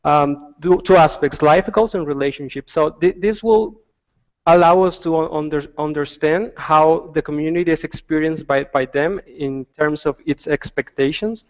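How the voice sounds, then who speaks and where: A man's voice: a little high, normal speed. A man on a video call explaining design research, with many restarts and fillers. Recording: dull lo-fi sound with long reverb.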